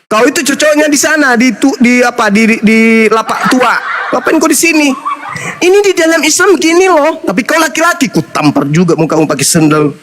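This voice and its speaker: A man with a strikingly high voice argues in a live debate and mocks his opponent with a sharp, taunting delivery. He keeps challenging the other side with quick "hah?" jabs. Heavy noise runs under the whole recording. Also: expressive. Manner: mocking, taunting, keeps firing back "hah?". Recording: loud background noise.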